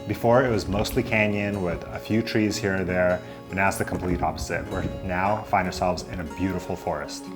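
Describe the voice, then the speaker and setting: A man co-hosting a hiking vlog, narrating casually in a relaxed, loose way with plenty of filler words. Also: low-pitched, brisk, hardly any pauses. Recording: voice-over with clear music bed. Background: music under the voice.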